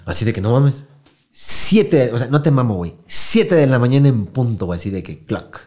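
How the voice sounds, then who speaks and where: A young Mexican man co-hosting a podcast. He tells his story in a casual, slang-heavy way and keeps slipping into the voices of the people in it. His voice sits at an ordinary middle pitch. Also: big pitch swings, moderate pace, mellow. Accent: Mexican Spanish. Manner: slangy, acts out quoted voices, laughs often. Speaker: podcast co-host.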